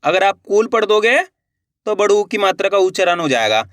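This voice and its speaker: A woman with a sing-song, medium-pitched voice teaches children to read, sounding out syllables one at a time and blending them into words. She speaks at normal speed, treats viewers as friends and often asks them questions. The studio-quality recording has no echo.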